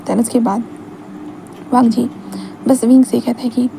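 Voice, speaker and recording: A woman's voice: fairly high pitch, steady tone, a little slow, gravelly, dark tone, a little hiss or hum, poor audio. A woman narrating a fan fiction romance in a chatty, conversational way, like retelling it to a friend. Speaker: storyteller. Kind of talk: casual story narration.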